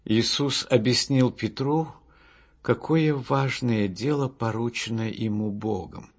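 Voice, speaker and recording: A man narrating Bible stories for an audiobook in a slow, measured reading. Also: medium pitch, breathy edge. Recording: dull lo-fi audiobook with soft music.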